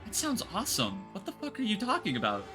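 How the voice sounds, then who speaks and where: A man streaming a video game, reacting excitedly, swearing and reading the text aloud. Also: high voice, fast, over music. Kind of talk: casual game stream commentary.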